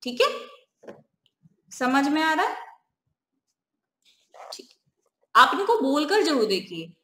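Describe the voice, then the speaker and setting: A woman teacher giving a grammar lesson, asking questions and answering them herself, and slowly repeating the key terms. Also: high voice, big pitch swings, a bit bright, echoey room.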